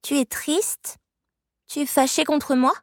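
A woman voicing a frightened little orphan girl in an audiobook, pleading in a high childlike voice. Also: fairly even intonation, slow pace, no echo, clean studio sound. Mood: worried. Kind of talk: audiobook reading.

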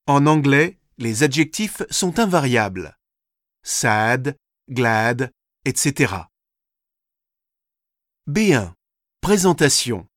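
Man, language course narrator, slow, deliberate, middle pitch, dry studio sound. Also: a bit bright, no echo. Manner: slow, deliberate, carefully articulated. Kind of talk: scripted instructional narration.

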